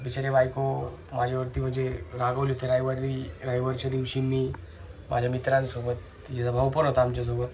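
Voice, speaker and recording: A young man talks into his phone camera in a casual family vlog. He coaxes and hurries his wife along, pushy and impatient. Faint noise hums behind him. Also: medium pitch. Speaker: vlogger.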